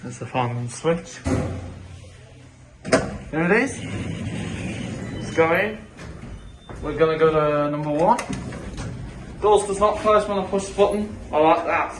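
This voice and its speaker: A man's voice: fairly high pitch, lively intonation, measured pace, pauses often, very noisy. A man giving casual on-location commentary in short, observational remarks as a video host. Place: inside lifts and shops. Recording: echoey, distant camera mic, music behind.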